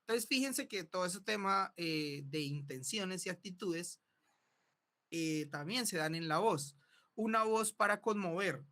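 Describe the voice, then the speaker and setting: A man's voice: high voice, expressive, a little slow, pushed and bright. A man teaching a voice workshop, explaining step by step and checking in with his students. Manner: explanatory, often checks in with "¿listo?" and "¿sí?". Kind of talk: classroom lecture.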